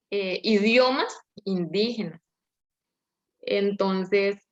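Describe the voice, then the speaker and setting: A young woman with a Latin American Spanish accent giving a hesitant class presentation, with many fillers. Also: medium pitch. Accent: Latin American Spanish, seseo. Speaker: student presenter. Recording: dull lo-fi audio.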